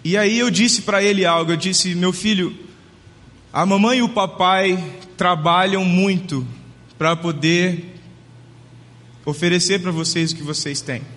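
Pastor, male, 30s, higher-pitched voice; earnest storytelling sermon, reverberant hall. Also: fairly even intonation. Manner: storytelling, gentle and earnest, slowing down for emphasis. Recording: long reverb of a large hall.

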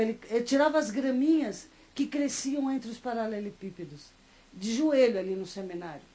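A woman's voice: on the high side, rough recording. A middle-aged woman from Brazil with a Brazilian Portuguese accent, preaching a sermon and telling stories with emotion, speaking to the congregation. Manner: emotional, animated storytelling with asides to the congregation. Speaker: missionary preacher. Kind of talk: sermon with storytelling.

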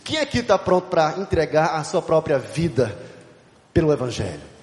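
Male preacher, high and lively delivery, sermon storytelling, booming hall reverb. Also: moderate pace, very noisy. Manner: animated storytelling, shouting and laughing. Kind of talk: youth conference sermon. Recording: echoey hall.

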